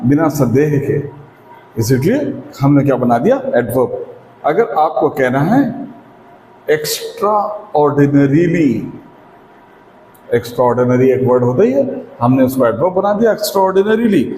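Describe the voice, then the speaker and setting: A man with an Indian accent teaching a spoken English lesson, explaining step by step and often asking if it is clear. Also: medium pitch, darkish tone, a little hiss or hum. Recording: echoey room with long reverb.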